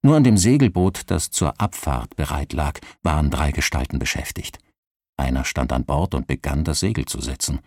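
A man reading a novel aloud as narrator, with an expressive storytelling delivery into a close mic. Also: rumbling low, normal speed, no echo. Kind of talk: scripted audiobook narration.

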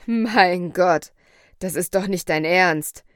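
Kindly excited doctor guy done by a woman reader, a bit lower, slow and earnest, dry sound. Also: no echo, lightly acted. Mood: amazed. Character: kindly, eager middle-aged male doctor. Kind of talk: storybook reading.

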